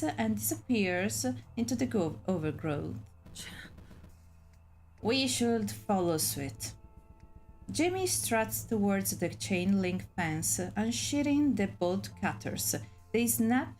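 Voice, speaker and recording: A young woman reading a visual novel aloud in an unhurried way, stumbling on words and adding playful asides. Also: mid-range voice, a little mellow, low-quality recording. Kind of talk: casual gameplay narration with character voices.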